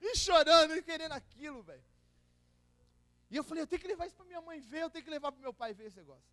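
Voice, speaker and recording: High-voiced excited São Paulo preacher. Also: male voice, quick pace. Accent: São Paulo Portuguese. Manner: animated storytelling with slang and acted-out quotes. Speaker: pastor. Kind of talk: testimony sermon.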